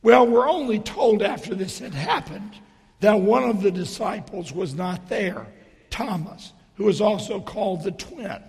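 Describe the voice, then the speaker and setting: A middle-aged or older man giving a sermon in a hoarse stage whisper, his voice almost gone, speaking deliberately with pauses between phrases. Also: high-pitched, lively intonation. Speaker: preacher. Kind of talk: sermon with storytelling and dry humour. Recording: reverberant hall.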